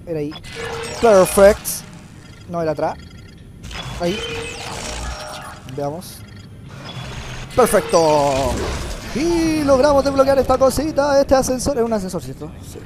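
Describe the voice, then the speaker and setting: A young man with a Chilean accent commenting on a game playthrough, nasal from a cold, joking crudely and breaking into loud swearing yells. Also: high voice, animated, a little slow, pauses often. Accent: Chilean Spanish. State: has a cold, slightly nasal. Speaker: gameplay commentator. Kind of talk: casual let's-play commentary. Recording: game music playing behind.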